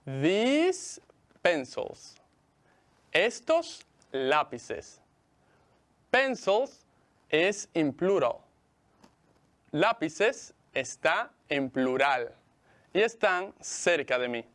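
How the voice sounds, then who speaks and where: Slow, lively-voiced male English teacher. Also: fairly high pitch. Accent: Mexican Spanish. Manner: slow, carefully enunciated, repeats words for students. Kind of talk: bilingual televised English lesson.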